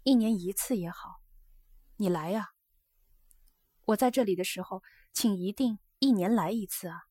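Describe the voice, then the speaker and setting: Woman doing a young geisha, pleading and pushy, voice lifted higher and louder than the narration, dry sound with no room in it. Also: animated, normal speed, no room sound, lightly acted. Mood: earnest. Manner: earnest, coaxing and insistent.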